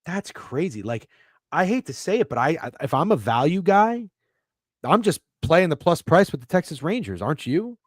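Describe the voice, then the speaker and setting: Animated, excitable male betting podcaster. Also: on the high side, normal speed, no echo, studio quality. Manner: animated, excitable, swears freely, stumbles over words. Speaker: sports betting podcast co-host. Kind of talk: casual chat.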